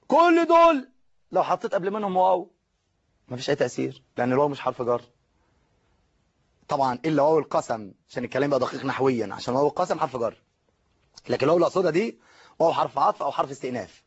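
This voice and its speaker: A man's voice: mid-range voice, racing, long pauses, slightly rough, muffled recording. A man with an Egyptian Arabic accent teaching a live online grammar lesson, explaining step by step and asking and answering his own questions.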